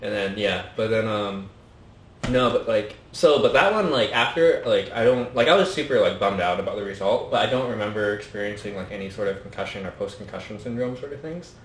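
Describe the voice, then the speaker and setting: A man's voice: lowish voice, expressive, brisk, reverberant, a little hiss or hum. A man in casual podcast chat, speaking hesitantly with many fillers as he recounts a concussion.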